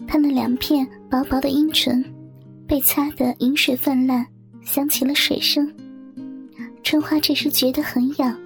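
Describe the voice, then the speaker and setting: A woman narrating an adult story in a soft, sometimes whispered reading voice. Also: sits high, little pitch movement, measured pace. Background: soft guitar music.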